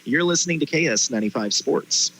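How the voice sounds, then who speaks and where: A man hosting a live high school sports halftime show from a booth, chatting and giving promos. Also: expressive, a little fast, over loud music, poor audio. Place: stadium press booth.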